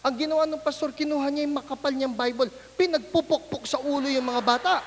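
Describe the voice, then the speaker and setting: A man's voice: very high-pitched, quick pace, in a large hall, a little hiss or hum. A man preaching as a pastor, telling a story animatedly and acting out the people in it. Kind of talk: sermon storytelling.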